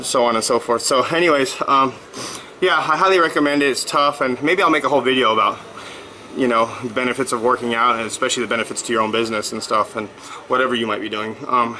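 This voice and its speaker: A man's voice: mid-range voice, bright, forceful tone, a little hiss or hum, poor audio. A man in his thirties talking casually in a vlog, rambling and upbeat with lots of fillers, just back from a workout. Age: 30s. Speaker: blogger.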